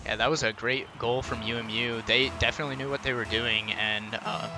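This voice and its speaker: A man giving esports color commentary, relaxed analysis with plenty of ums and uhs. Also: medium pitch, brisk, background noise. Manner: relaxed analysis with many fillers.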